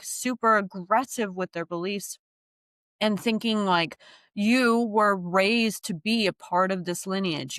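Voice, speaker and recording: A woman's voice: lowish voice, fairly bright tone, no room sound, studio quality. A woman speaking as a podcast guest in an emotional personal conversation, heartfelt and rambling, near tears at times.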